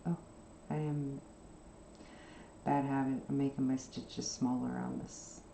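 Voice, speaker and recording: A woman hosting a craft channel, chatting casually and softly while she sews, rambling from one subject to the next with plenty of fillers. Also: a bass voice, flat delivery, takes it slowly, gravelly, roomy sound, slight background noise. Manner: rambling, soft-spoken, with frequent fillers. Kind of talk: casual chat while sewing.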